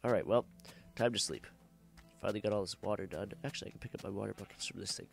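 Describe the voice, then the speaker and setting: A low-pitched young man with a gravelly, creaky voice, a bit under the weather and coughing. He rambles through casual game commentary, cursing and correcting himself as he goes. Faint music plays under him. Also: quick pace. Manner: rambling, joking, swears freely, corrects himself mid-sentence. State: sick with a cough. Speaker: gameplay commentator. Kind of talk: casual let's-play commentary.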